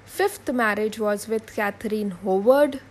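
A woman's voice: mid-range voice, measured pace, a little hiss or hum, poor audio. A woman teaching a history lesson for exam students. She repeats key points, spells names letter by letter and asks questions that she answers herself.

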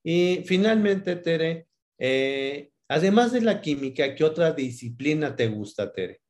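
A man from Mexico with a Mexican Spanish accent, interviewing a colleague in a friendly, halting way, repeating words and offering praise. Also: fairly high pitch, animated, darkish tone. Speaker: interviewer, professor. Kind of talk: interview questions.

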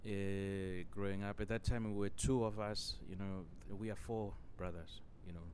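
A man from Zimbabwe hosts a solo podcast, rambling through a long, wandering story and constantly filling pauses with "you know". His voice sits a bit low, steady and darkish in tone, with faint noise humming under the recording.

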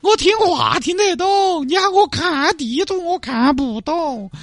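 Guy doing a high whiny sichuan-lady trucker, super sing-songy, all self-pity. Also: animated, a little slow, soft background music. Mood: whiny, tearful. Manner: whiny, self-pitying wailing and dramatic complaints. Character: weepy, helpless woman trucker, middle-aged.

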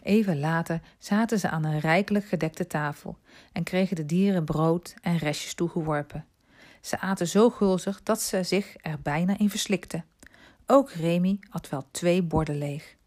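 A woman narrating a storybook aloud in a calm, soft-spoken way. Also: fairly low pitch, moderate pace.

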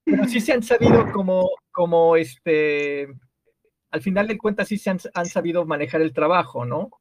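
A man's voice: sits high, expressive, normal speed, no echo. Mexican man hosting a casual chat. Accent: Mexican Spanish. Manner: curious, asks lots of questions, hesitant restarts. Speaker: host. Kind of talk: casual group chat on a call.

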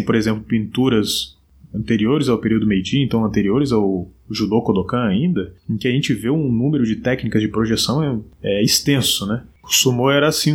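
A man with a Brazilian Portuguese accent hosting a solo podcast, explaining at length in a relaxed way, with frequent fillers. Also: medium pitch, breathy edge. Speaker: podcast host. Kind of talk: solo podcast talk on martial arts history.

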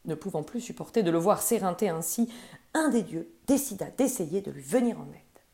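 A woman storyteller reading a children's story aloud in a gentle, expressive way. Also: on the low side, moderate pace, vocal fry.

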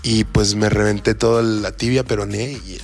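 A man's voice: lowish voice, steady tone, moderate pace, gravelly. Man, Mexican Spanish accent, guest DJ, teasing casual talk, faint music behind. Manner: joking, teasing. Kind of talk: casual chat.

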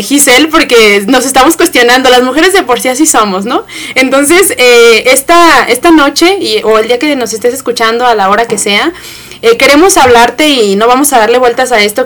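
A woman hosts a casual talk, chatty and loose with her filler words. Her voice sits a bit high. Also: moderate pace, fairly bright tone. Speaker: host. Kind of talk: casual chat.

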